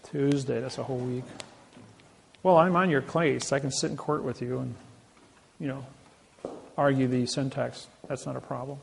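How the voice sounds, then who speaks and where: A man's voice: medium pitch, fairly even intonation, moderate pace, gravelly, pauses often, slight background noise. An older man giving a seminar talk, telling boastful stories with many restarts and false starts. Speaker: seminar speaker. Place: seminar room.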